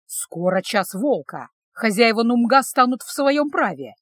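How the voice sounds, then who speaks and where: A woman voicing a solemn older male rescuer who speaks slowly and gravely. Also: sing-song, a bit bright, dry recording, clean studio sound, full character voice. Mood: grave warning. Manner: slow, low and measured.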